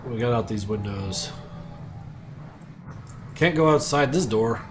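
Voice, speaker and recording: A man's voice: mid-range voice, expressive, takes it slowly, over music. A man streaming a game live, reading in-game notes aloud with sardonic, profane asides.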